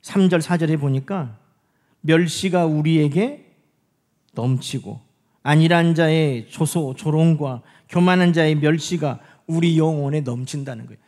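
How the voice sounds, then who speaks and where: High-voiced male pastor preaching. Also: a little mellow. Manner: asks the congregation rhetorical questions; slows down to stress scripture phrases. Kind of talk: sermon. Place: church sanctuary.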